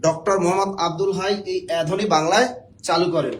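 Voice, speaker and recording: A man's voice: high-pitched, steady tone, fast, a little hiss or hum. A man from Bangladesh, teaching a spelling lesson for job exams, joking and quizzing his viewers.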